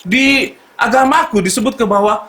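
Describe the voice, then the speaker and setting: A man with a Palembang Malay accent performs stand-up on a live stage, his voice pitched very high. He tells his story in an animated way, shouting some lines and dropping low for asides. The venue rings with echo over loud background noise. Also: normal speed. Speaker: stand-up comedian. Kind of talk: stand-up comedy set. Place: stage at a live comedy show.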